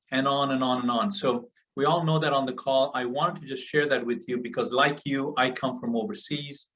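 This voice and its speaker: Over muffled, distant call audio, a man from Africa earnestly motivates the people on a group call, using repetition to press his points. His voice is medium in pitch and a bit bright.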